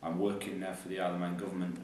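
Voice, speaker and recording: Irish man, low voice, echoey and distant. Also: completely flat delivery, rapid-fire, a little mellow. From Ireland. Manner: joking, chatty, self-deprecating. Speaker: interview guest, basketball coach. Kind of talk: casual chat. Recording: echoey room, mic far off, faint noise.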